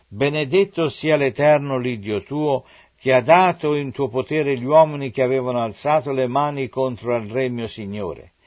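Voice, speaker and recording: A man giving a slow, measured, solemn reading of scripture, dramatizing the dialogue. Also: medium pitch. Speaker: Bible reader. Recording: dull lo-fi audio.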